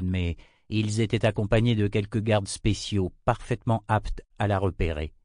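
A man narrates an audiobook in a low voice. His reading is steady and even, recorded dry and close. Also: dry recording.

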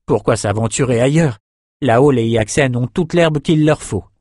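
A man's voice: mid-range voice, normal speed, darkish tone, dry recording, close to an everyday voice. A man voicing a nervous male shepherd held prisoner, hesitant and stammering, recorded dry.

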